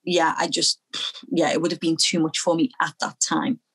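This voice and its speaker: A young woman from Liverpool, speaking as an interview guest, earnest and halting, often repeating phrases as she recalls her past. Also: low-pitched, little pitch movement, slightly rough, low-quality recording. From Liverpool, England. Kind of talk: personal testimony in an interview.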